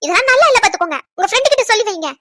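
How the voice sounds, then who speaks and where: Woman doing a young cartoon woman, high, rapid, indignant, scornful, dry recording. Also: expressive, fairly bright tone, dry recording. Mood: angry. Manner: scolding, scornful. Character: indignant young woman, quick-tempered and sharp-tongued. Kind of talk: cartoon voice acting.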